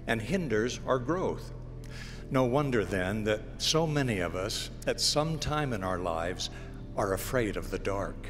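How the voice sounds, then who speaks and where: Middle-aged guy reading an uplifting message real slow and gentle, big hall echo, soft music under it. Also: mid-range voice. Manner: slow, measured, gentle delivery. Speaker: broadcast inspirational speaker. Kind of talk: scripted inspirational message. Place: indoor stage with flowers. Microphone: stand mic on lectern.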